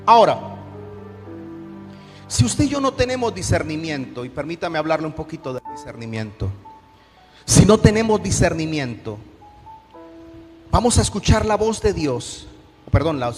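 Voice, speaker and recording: A man with a Colombian accent, a pastor preaching a sermon with call-and-response and shouted peaks. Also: a little high, sing-song, moderate pace, pauses often. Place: church hall. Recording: echoey church hall with music.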